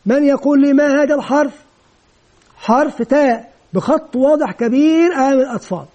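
Guy with a really high voice teaching a lesson, asks himself questions then answers em. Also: brisk, mellow. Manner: explains step by step, asks and answers his own questions. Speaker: teacher trainer. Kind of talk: instructional lecture.

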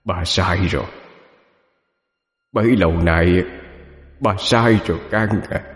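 A man voicing the ghost of a grumpy old rich village man, speaking in a gruff, bossy way that turns quiet and distant. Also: low-pitched, slow pace, in a large hall, full character voice. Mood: rueful.

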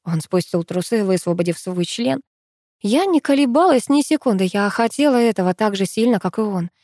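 A woman reads a first-person romance audiobook in a soft, intimate way. Her voice is mellow and warm, recorded close on a dry, deadened mic. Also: medium pitch, expressive, normal speed, dry recording. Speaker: audiobook narrator.

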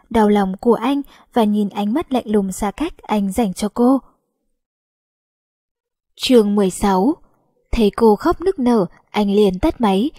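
Husky woman narrating an audiobook. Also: mid-range voice, dark tone, dry recording, clean studio sound. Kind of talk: scripted romance narration.

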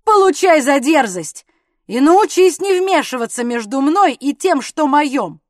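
A woman reader puts on a drunken, brutish gentleman from an audiobook who shouts at everyone around him. He blusters and barks his demands roughly. The voice sits high and dry, close to the mic. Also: moderate pace, no echo, lightly acted. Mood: drunk bullying. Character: drunken brutish English gentleman husband, bullying.

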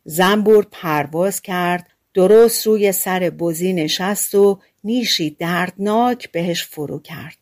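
A woman's voice: lowish voice, a little mellow. A woman narrating fairy tales for an audiobook in a colloquial, conversational storytelling manner. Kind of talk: scripted fairy-tale narration.

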